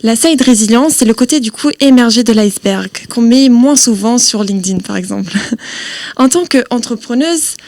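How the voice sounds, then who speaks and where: Female podcast host, higher voice, clear structured questions, dry close sound. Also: darkish tone, no room sound. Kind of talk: interview questions.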